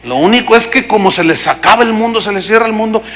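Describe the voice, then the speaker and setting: A man's voice: sits high, fast talker. A middle-aged Mexican man, a pastor preaching a sermon and acting out the voices of people in his stories. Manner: animated storytelling, acting out voices.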